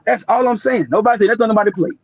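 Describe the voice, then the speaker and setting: A man's voice: sits high, racing, husky, no room sound, dull audio. A man co-hosting a podcast, arguing basketball in a heated, slangy way and cutting in often. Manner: emphatic, interrupts, slangy. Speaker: podcast co-host. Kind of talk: heated casual sports debate.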